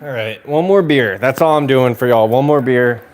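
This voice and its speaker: A man's voice: mid-range voice, moderate pace. A man in his late thirties doing casual live-stream commentary on a baseball game, chatty and muttering with restarts, on a clip-on mic. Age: 30s. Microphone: magnetic clip-on mic.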